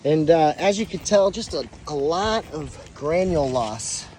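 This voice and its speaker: Standing on a roof outdoors, a breathless man who works as a roofing contractor casually walks through a repair in practical, straightforward terms. He sounds a little high and slightly mellow, with lively intonation and an unhurried pace, over noisy outdoor sound.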